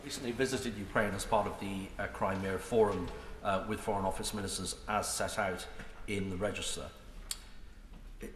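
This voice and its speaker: Lowish male voice in an echoey hall. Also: fairly bright tone. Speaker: member of parliament. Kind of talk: formal parliamentary question. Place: large debating chamber. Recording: echoey hall, faint background noise.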